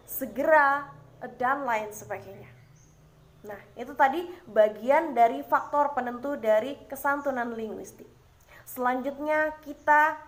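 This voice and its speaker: A young woman with a high voice presents a lesson as a university student. She explains step by step, often posing rhetorical questions and leaning on little fillers as she goes. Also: fairly bright tone. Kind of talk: explaining course material.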